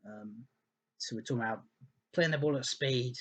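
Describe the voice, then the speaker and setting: A man's voice: mid-range voice, moderate pace, fairly bright tone. A man giving casual, rambling football analysis, thinking aloud with many ums and restarts while hiccuping. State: hiccuping and burping. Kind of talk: casual spoken analysis over slides.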